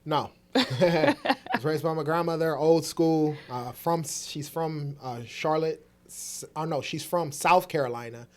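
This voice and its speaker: Guy cohosting a chill talk show, kinda high voice, lots of uhs and ums. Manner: thoughtful, pausing with fillers. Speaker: podcast co-host. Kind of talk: casual conversation.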